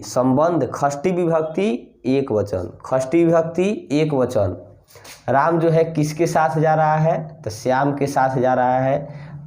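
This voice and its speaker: A man teaching a Sanskrit grammar lesson, speaking slowly and repeating phrases as he writes on a board. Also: mid-range voice, a little mellow, roomy sound. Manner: slow, repeats phrases while writing on a board.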